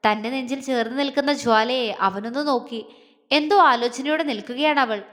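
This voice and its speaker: A woman narrates a romance audio series with a high voice, reading each line in a dramatic, emotive way. A long hall reverb trails behind her. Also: normal speed, fairly bright tone. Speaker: storyteller.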